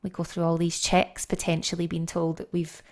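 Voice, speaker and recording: A middle-aged woman with a lowish voice talks as a guest coach on a podcast. She explains step by step and leans hard on key words. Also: normal speed. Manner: lively, explains step by step, animated stresses.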